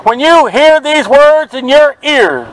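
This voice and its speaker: A man preaching outdoors at a market, forceful and confrontational, quoting scripture to passers-by. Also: very high-pitched, lively intonation, slow, poor audio. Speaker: street preacher. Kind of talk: open-air street preaching. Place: outdoors at a city market by traffic.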